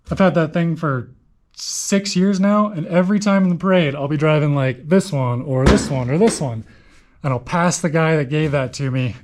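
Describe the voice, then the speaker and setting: A young man chatting casually as he walks through his barn and shop showing off old tractors, folksy and quick to correct himself. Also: a little high, darkish tone, low-quality recording. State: out of breath. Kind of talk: casual walkthrough talk.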